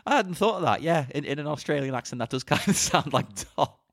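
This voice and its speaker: Playful man with a lively voice. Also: on the high side, quick pace, gravelly, dry recording. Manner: playful, questioning, laughs often. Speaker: podcast co-host. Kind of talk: casual film-discussion chat.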